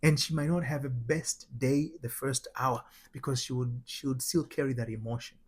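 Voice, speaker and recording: A Tanzanian man with a Tanzanian accent hosts as a spiritual transformation coach, delivering motivational teaching emphatically and repetitively, full of rhetorical questions. His medium-pitched voice is slightly rough, fairly even in intonation and moderate in pace.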